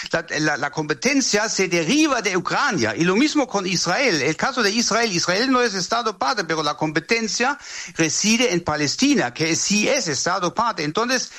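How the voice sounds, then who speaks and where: A German man with a German accent answering interview questions as a legal expert. His voice sits high and sounds bright, and he often pauses and repeats words while he looks for the next one.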